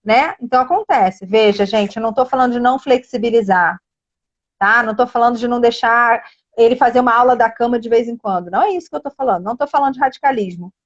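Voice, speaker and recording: A woman's voice: fairly high pitch, quick pace. Earnest Brazilian woman on muffled stream. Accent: Brazilian Portuguese. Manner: earnest, emphatic, addresses viewers directly. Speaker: child education coach, live guest. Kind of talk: casual live-stream talk.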